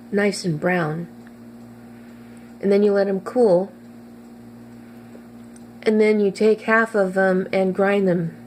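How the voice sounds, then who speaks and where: Woman cooking vlogger, chatty, halting delivery with fillers, mid-range voice, faint hum behind. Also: medium pitch, darkish tone. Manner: chatty, hesitant with many fillers, tastes food while talking. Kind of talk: casual kitchen vlog.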